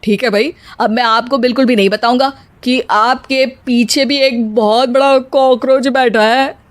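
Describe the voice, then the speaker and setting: A woman's voice: on the high side, steady tone, unhurried, no echo, natural voice. A woman voicing a teasing young son in a cartoon, mocking the women's fear. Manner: mock-panicked, teasing.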